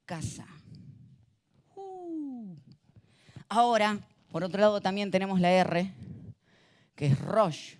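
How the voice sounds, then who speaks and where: A male pastor giving a sermon in a church, animated and having the congregation repeat words after him. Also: sits high, measured pace, clean tone. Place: church auditorium. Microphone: handheld or stage mic.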